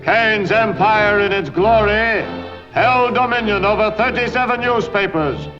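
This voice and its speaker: An actor playing a grandly authoritative 1940s newsreel announcer, with a booming, declamatory delivery on an old newsreel soundtrack. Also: male voice, measured pace. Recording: muffled old film sound with music score.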